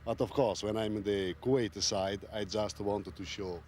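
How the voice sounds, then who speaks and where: Man, non-native English, low mellow voice, halting interview speech, faint outdoor noise. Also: fairly even intonation. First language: not English. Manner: halting, non-fluent phrasing. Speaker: military observer being interviewed. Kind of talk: unscripted interview answer.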